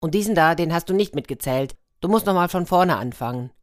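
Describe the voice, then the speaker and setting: A woman voicing a sharp, corrective male bushbuck in a storybook reading. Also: lowish voice, expressive, fairly quick, no room sound, clean studio sound, natural voice. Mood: nitpicking. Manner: interrupting, corrective.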